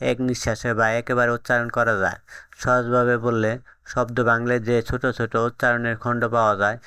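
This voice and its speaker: A man reading out a scripted English lesson, explaining definitions and examples in a steady, explanatory way. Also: mid-range voice, clean tone, no room sound. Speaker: English teacher. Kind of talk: scripted teaching narration.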